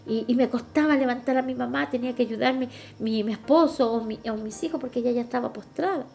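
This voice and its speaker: A woman's voice: a little high, fast, gravelly, darkish tone, faint music behind. A middle-aged woman, preaching at a women's retreat and calling her listeners sisters. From Chile. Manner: fervent, addresses listeners as sisters. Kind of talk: sermon.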